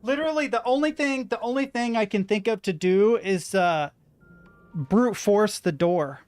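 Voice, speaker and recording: A young man with a high-pitched voice at normal speed mutters to himself while playing a video game at home, giving let's play commentary as a gaming streamer. Soft background music plays in his room, which has a window and a rattling door.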